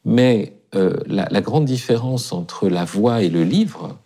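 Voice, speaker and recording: A man's voice: fairly low pitch, animated, slow pace, mellow. A man talking as a guest on a philosophy radio show, thinking aloud with many hesitations and restarts.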